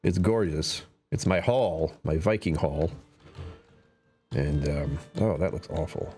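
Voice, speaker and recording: A man with a very deep, mellow voice chats casually while playing a survival game on a live stream, taking it slowly over soft background music. His voice is slightly strained, and he talks to himself, trailing off into whispers.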